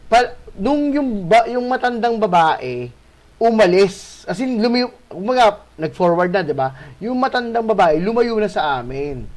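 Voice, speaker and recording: A male host telling a spooky encounter in a casual, animated way, swearing and adding tag questions. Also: high-pitched. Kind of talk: casual storytelling of a ghost encounter.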